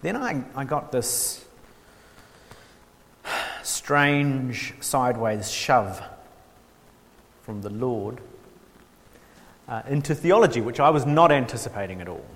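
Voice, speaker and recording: A man from New Zealand gives a relaxed, informal theology workshop lecture at a middle pitch. He pauses often with ums and restarts and adds dry, self-mocking humour. A long hall reverb trails his voice.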